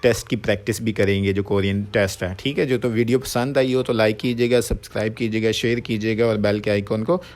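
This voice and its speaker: A man teaching a vocabulary lesson, asking questions and answering them himself, sounding out each word slowly and repeating it. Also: lowish voice, fairly even intonation, a little mellow. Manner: repeats words slowly, asks and answers his own questions. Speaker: language teacher.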